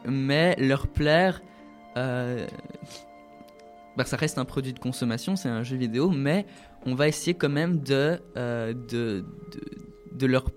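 A man talks through video games in a relaxed, halting way, filling gaps with "euh" and restarting phrases often. A faint bed of music plays under his voice. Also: mid-range voice. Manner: hesitant, many fillers and restarts. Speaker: guest presenting a video game event. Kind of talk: casual radio chat.

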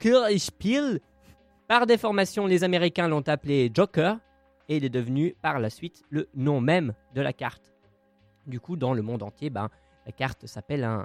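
Guy hosting a podcast, jokey and theatrical, kinda high voice, dry sound. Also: no echo. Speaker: podcast co-host presenting a segment. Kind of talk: casual podcast chat.

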